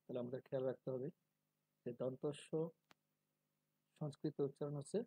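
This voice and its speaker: Guy teaching pronunciation, slow and careful, dark husky voice, dry close sound. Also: medium pitch, level tone, dry recording, poor audio. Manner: slow, deliberate, drawing out syllables when demonstrating. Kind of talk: calm spoken lesson.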